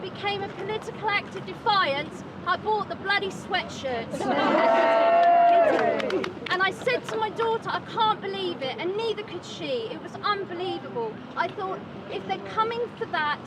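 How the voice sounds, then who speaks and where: A middle-aged woman gives personal testimony to an outdoor gathering. Her voice is very high, recorded some way from the mic amid clear crowd noise. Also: animated, moderate pace, few pauses, recorded from a distance. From Norwich, England. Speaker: speaker at outdoor women's rally. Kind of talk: public speech, personal testimony. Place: outdoors at a public gathering in the rain.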